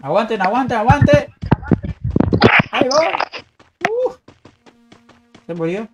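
A man giving excited live commentary on his gameplay, calling out to teammates and his chat as he plays. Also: sits high, moderate pace, over loud music. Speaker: gaming streamer.

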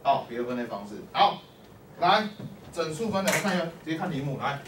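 Fairly bright in tone and on the higher side, this male teacher's voice is very animated and moves at a quick pace. He runs a math lesson by firing questions at the class, nudging students with "lai" and "o." The lecture was recorded from far back in an echoing classroom, with a faint hum underneath.

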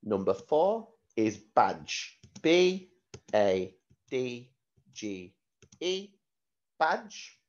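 Male teacher doing slow school dictation, pitch goes up and down a lot, bit muffled recording. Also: very animated, a little mellow. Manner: deliberate, repeats words and spells them out letter by letter.

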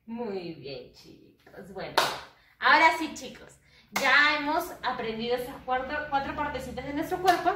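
High-voiced woman teaching small children. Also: very animated, measured pace, background noise. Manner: sing-song, coaxing, answers own questions in kids' voices. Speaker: English teacher for first graders. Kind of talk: children's lesson. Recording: roomy, distant from the mic.

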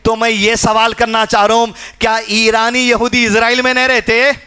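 A man from India giving a mosque sermon, swinging between loud exhortation and low, earnest asides. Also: monotone, moderate pace, clean tone. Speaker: mosque speaker.

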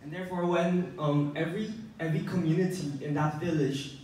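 Halting teenage boy pitching in an echoey hall. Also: fairly even intonation, dark tone, distant mic, a little hiss or hum. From Taiwan. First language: Mandarin Chinese. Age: teens. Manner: halting, restarts words, speaks in English as a second language. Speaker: student presenter. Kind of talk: contest pitch presentation. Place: conference hall, indoors. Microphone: handheld mic, filmed by a far phone camera.

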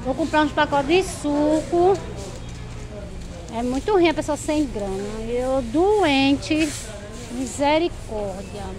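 A middle-aged woman, chatting to viewers while shopping and walking through a market, filmed on a handheld phone. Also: high-pitched. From Brazil. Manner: chatty, addresses viewers directly. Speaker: vlogger. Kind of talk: casual vlog commentary. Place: supermarket, then busy outdoor street market. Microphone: phone held at arm's length. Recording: busy crowd noise behind.

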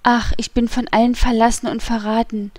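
A woman voicing a despairing queen in an audiobook, pleading and anguished, with a breathy edge at times. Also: on the high side, little pitch movement, normal speed, no echo, lightly acted. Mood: distrustful. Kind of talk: audiobook character voice.

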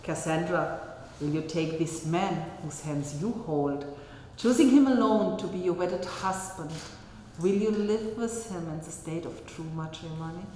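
Woman, wedding officiant, formal measured delivery, lowish voice, long chapel reverb, faint hiss. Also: mellow. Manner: formal, measured, leads vows line by line. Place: small wedding chapel indoors.

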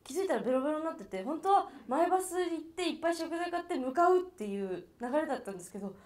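Fast, high-pitched young woman. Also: big pitch swings. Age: young adult. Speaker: show regular. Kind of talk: casual anecdote telling. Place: large bright indoor TV studio. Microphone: lapel mic. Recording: loud music behind.

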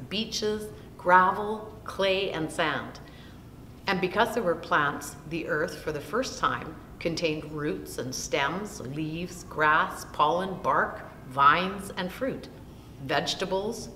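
An older woman slowly reads a Bible story aloud for children, seated in a small room and taking long lists word by word. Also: bright, forceful tone. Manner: slow, deliberate reading of long lists. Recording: roomy echo with long reverb and faint rumble.

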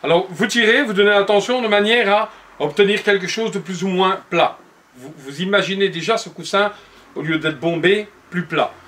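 Speaking at a moderate pace, a man in his forties with a high-sitting, fairly bright voice shows how to make a cushion. Recorded on the camera mic in his workshop showroom, he gives patient, step-by-step upholstery guidance aimed right at the viewer.

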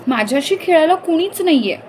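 A woman's voice: sits high, animated, a little fast, a little mellow, a little hiss or hum, voice pushed up. A woman voicing a bored young boy who whines and pleads in a storybook reading. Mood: whiny. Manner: whining, pleading.

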